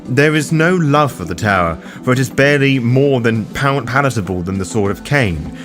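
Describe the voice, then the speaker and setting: A man with an expressive, mid-range voice hosts a tabletop roleplaying lore guide, reading scripted explanatory narration at a moderate pace. His voice sits over a loud music bed.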